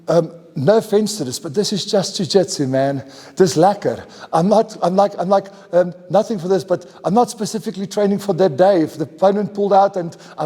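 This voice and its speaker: Laid-back South African male athlete, Afrikaans accent and mother tongue, mellow tone, long hall reverb. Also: fairly high pitch. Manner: informal, laid-back slang, switching between English and Afrikaans. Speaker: jiu-jitsu athlete being interviewed. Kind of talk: casual interview chat.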